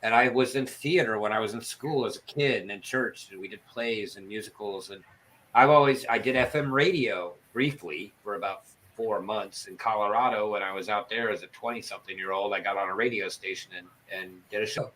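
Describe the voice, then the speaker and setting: A low-pitched male voice in casual livestream conversation. He lisps and whistles on his sibilants because his front teeth are missing. His delivery is that of a self-deprecating storyteller. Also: fairly quick, a bit bright, a little hiss or hum, poor audio. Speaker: livestream participant and former broadcaster.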